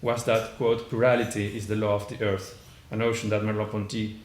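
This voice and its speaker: Speaking fairly quickly in a lowish, level voice, this man has a heavy Argentine accent and presents an academic paper as a conference panelist. He reads from notes hesitantly, with frequent "uh" fillers and false starts. The conference room echoes, and there's a faint background noise.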